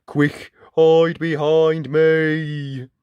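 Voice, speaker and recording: A storyteller as Tin Can, a slow, plodding tin man. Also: medium pitch, flat delivery, a little mellow, smooth, no room sound, highs cut off, pitched above the performer's own voice. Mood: urgent. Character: kind-hearted but heartless tin man, slow and glum.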